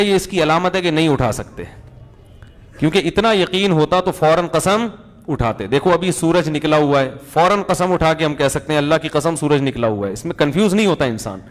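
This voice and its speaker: A man's voice: fairly high pitch, animated. A man as a religious cleric answering listeners' questions in a colloquial, humorous way, full of anecdotes. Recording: reverberant hall.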